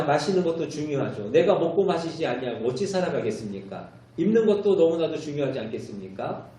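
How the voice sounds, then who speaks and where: A pastor delivers his sermon with a mellow, soft-edged voice that climbs and drops as he tells his story. He stands well back from the microphone. The church sanctuary rings with heavy echo around every word. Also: fairly high pitch. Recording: very echoey church hall, mic far off.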